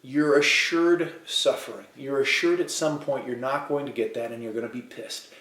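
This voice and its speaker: A man's voice: mid-range voice, fairly even intonation, a bit bright, distant mic. Man talking in an echoey room. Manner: halting, many fillers and restarts. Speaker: self-help speaker. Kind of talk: casual spoken talk telling a story.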